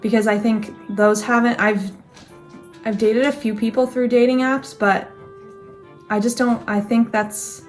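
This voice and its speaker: A woman's voice: a little high, flat delivery, measured pace, faint music behind. A young woman in casual chat, thinking aloud in a reflective, rambling way with restarts. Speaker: co-host.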